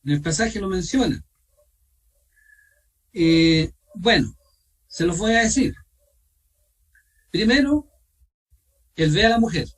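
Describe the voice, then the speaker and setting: A man with a Chilean accent teaching an online Bible study, asking his listeners questions and pausing with fillers. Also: high voice, distant mic, poor audio. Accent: Chilean Spanish. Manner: asks questions of the group, repeats himself, pauses with fillers. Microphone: video call.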